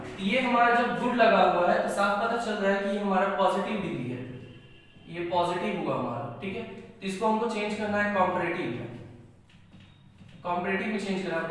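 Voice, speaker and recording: A man's voice: high voice, a bit bright, a little hiss or hum. A man teaching English grammar step by step, often checking in with "ठीक है" as he explains. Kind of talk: classroom lesson. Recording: echoey room, far from mic.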